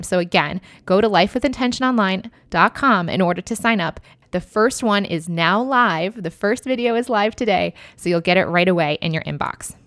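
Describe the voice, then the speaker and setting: A woman's voice: mid-range voice, dry recording, clean studio sound. A woman hosting a podcast, introducing her show and guest with gushing enthusiasm. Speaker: podcast host. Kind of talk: upbeat podcast intro and interview.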